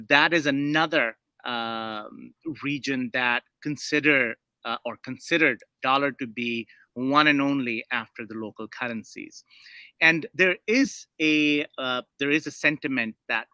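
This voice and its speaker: A man from Saudi Arabia answers interview questions in a measured, hesitant way, pausing often on fillers. His voice is very bright and forward, recorded close and dry with no room sound. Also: mid-range voice, smooth, no echo. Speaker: guest.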